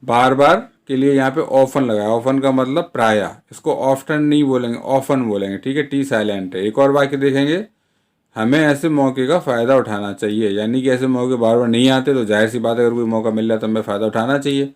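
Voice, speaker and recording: Man teaching English in Hindi, slow repeats. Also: mid-range voice. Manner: slow, deliberate repetition of English example sentences; frequent "theek hai" check-ins. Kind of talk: Hindi-language English lesson.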